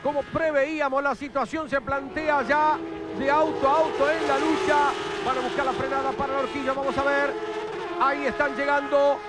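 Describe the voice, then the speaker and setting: A man with an Argentine accent giving urgent, excitable live motorsport commentary, often repeating his phrases as the race's lead commentator. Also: extremely high pitch, moderate pace. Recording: loud engine and track noise behind.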